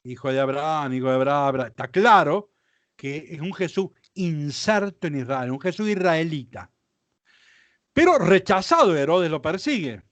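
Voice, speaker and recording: A male Bible teacher walks his class through slides, explaining patiently and pausing to ask if everything is clear. His voice sits high and moves around a great deal in pitch. The sound is dry and close, with no room echo. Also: expressive, a bit bright. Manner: explanatory, checks understanding with questions. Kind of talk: lecture with slides.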